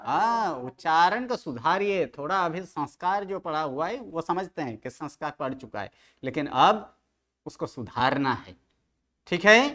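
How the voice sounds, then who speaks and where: A man's voice: fairly high pitch, lively intonation, measured pace, pushed and bright. A man teaching Sanskrit grammar to a study group, quizzing students with questions and correcting their pronunciation. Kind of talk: online study-group lecture.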